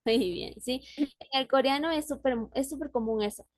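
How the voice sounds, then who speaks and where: A woman's voice: high voice, normal speed, darkish tone, no room sound. A woman teaching a language class on a video call, explaining words patiently and often checking in with her student. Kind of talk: online class.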